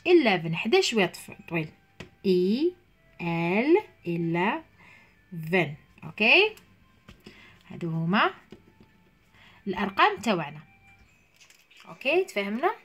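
Lively Algerian woman teacher. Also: mid-range voice. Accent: Algerian Arabic. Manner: reads English slowly, then explains in dialect. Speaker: English teacher. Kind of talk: explaining an exam to pupils.

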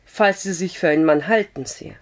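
A dignified, stubborn young bride with a prim, indignant way of speaking, as a woman reads her. The voice is hoarse and fairly low. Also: moderate pace, natural voice. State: hoarse with a cough.

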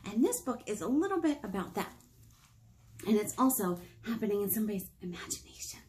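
This low-quality recording, with slight background noise, captures a mid-range, sing-song, slightly mellow female voice speaking a little fast. An American woman in her thirties, a children's librarian, hosts storytime in a small painted-wall room, using simple phrases and questioning her young listeners.

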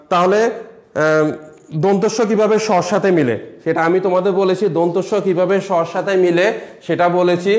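A Bangladeshi man with a fairly high voice teaches a recorded lesson. He walks through each point step by step and says the example words over again. The room is echoey. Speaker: college lecturer.

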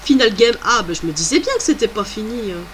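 A chatty woman talks through a video game, exclaiming and thinking out loud as she goes. Her voice sits at an ordinary middle pitch. Game sounds run clearly underneath. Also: very animated, fast, slight background noise. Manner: chatty, exclamatory, thinks aloud while playing. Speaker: gamer. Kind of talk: let's play commentary.

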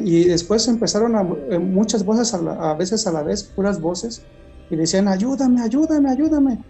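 Man recounting a vision, mellow. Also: high voice. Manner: halting storytelling with many restarts. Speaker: guest giving testimony. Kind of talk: personal testimony in conversation.

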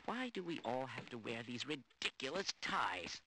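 A man's voice: mid-range voice, very animated, normal speed, sharp tone, slight background noise. An actor playing a formal, mildly fussy male lab scientist.

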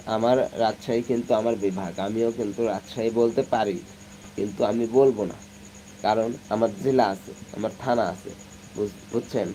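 A young man from Bangladesh chats softly with his live-stream viewers, his voice low and a little subdued from a cold. He reads comments aloud in a casual, friendly patter on a phone with no external mic. Crickets and insects buzz clearly behind him in the night air. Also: a little hiss or hum, rough recording. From Sirajganj, Bangladesh. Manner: chatty, reads comments aloud, hums song snatches. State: has a cold, speaking softly. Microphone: phone, no external microphone.

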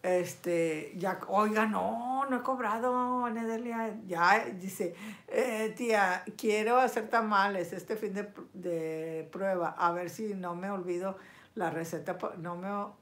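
Sixties woman vlogger, warm-hearted chatter with viewers, casual and unscripted. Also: medium pitch, slow. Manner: chatty and affectionate, lots of diminutives and endearments. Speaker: vlogger reading viewer comments. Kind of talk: casual live chat.

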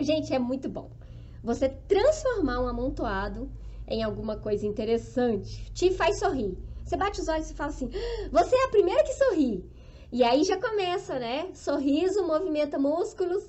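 Brazilian lady teaching flower arranging on a live, high voice, super upbeat and chatty, keeps asking the viewers if they agree. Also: a little mellow, a little hiss or hum. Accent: Brazilian Portuguese. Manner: enthusiastic, upbeat, keeps checking in with the audience; arranging flowers while talking. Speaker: flower-arranging instructor hosting a live stream. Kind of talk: motivational live-stream talk.

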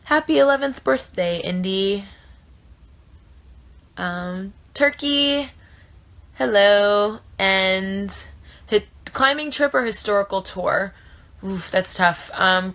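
A woman's voice: medium pitch, slow, long pauses, fairly bright tone. A woman in her twenties from South Florida, answering fan questions in a casual live chat, with lots of thinking-aloud fillers, filmed on a phone held at arm's length in a small room. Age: 20s. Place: small trailer room indoors.

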